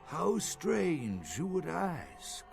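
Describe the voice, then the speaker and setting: An agitated archaeologist held captive in a video game, indignant at first and pedantic once he starts explaining. The voice sits a bit high for a man, and soft game music plays underneath. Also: huge pitch swings, drawn-out words, gravelly, exaggerated voice. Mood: lecturing. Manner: indignant, then lecturing and scholarly. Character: anxious middle-aged male archaeologist held captive.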